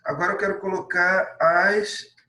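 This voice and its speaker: Male Brazilian teacher, slightly high voice, patient step-by-step delivery, roomy echo. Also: little pitch movement, measured pace, sharp tone, far from the mic. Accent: Brazilian Portuguese. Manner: patient, explains step by step, adds many tag questions. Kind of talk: classroom lesson correction.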